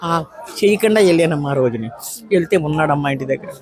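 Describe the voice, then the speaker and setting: In emotional interview testimony, a petitioner in her nineties pleads at length about her grievances. Her low, darkish, slightly rough voice is animated and fast, captured in a dry recording.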